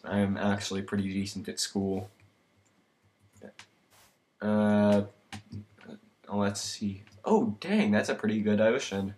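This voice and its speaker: Teenage boy, from the US, tired and sick, rambling gameplay commentary, unhurried talk, hissy home recording. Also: on the low side. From United States. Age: teens. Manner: rambling, self-mocking, with sudden loud outbursts. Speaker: let's play gamer.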